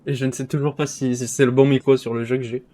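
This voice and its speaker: A young man streaming a game, chatting casually and shouting spell names into his mic. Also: mid-range voice, flat delivery, fast talker. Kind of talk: casual gaming stream chat.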